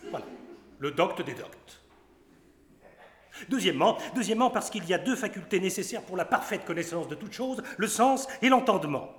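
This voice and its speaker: A man with a high-pitched, animated voice speaks at a moderate pace, playing a pompous, boastful doctor on stage in a classic comedy. He lectures, ticks off his points and shows off his Latin, and the hall is echoey with long reverb.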